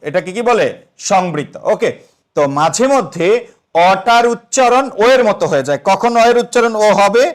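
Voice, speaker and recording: A man's voice: high voice, animated, moderate pace. A young man teaching an exam-prep lesson, asking the students questions and then answering them himself.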